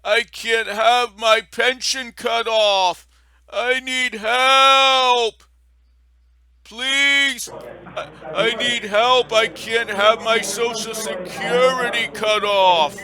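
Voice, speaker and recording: A man's voice: extremely high pitch, fairly even intonation, sharp tone, exaggerated voice. A man playing a frail eighty-eight-year-old man on a prank phone call, stretching every word out. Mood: pleading. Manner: stretches his words slowly. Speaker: scam baiter. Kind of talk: prank call role-play.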